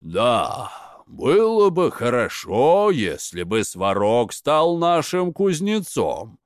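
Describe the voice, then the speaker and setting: A man's voice: medium pitch, big pitch swings, takes it slowly, no echo, clean studio sound. A man voicing a clever, pondering giant. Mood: musing. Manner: thoughtful wary musing.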